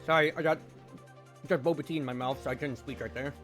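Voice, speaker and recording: A man streaming a game, chatting casually and rambling, with loud outbursts when the play gets exciting. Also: fairly high pitch, quick pace, soft background music. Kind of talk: casual gameplay commentary.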